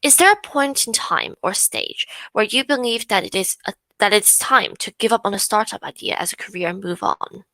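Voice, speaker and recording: A woman moderates a panel, reading questions from the floor in a bright, crisp voice. There is some gravelly fry in her tone. Her sound is close and dry. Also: medium pitch, sing-song, normal speed, dry recording. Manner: reads audience questions.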